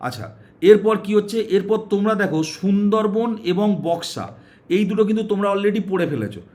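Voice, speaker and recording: Brief: male exam coach, West Bengal Bengali, brisk and high-pitched, quizzes the class and answers himself. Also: animated, a little mellow. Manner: asks questions and answers them himself, repeating "okay"; coaxing, uses story tricks to aid memory. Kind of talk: classroom-style exam prep lesson.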